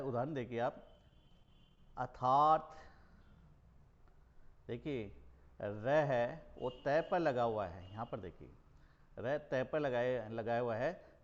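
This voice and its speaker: A male college teacher from Rajasthan, India, giving a recorded grammar lesson and repeating words slowly for emphasis. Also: mid-range voice, a little mellow. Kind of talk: recorded Hindi grammar lecture. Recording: dull lo-fi recording.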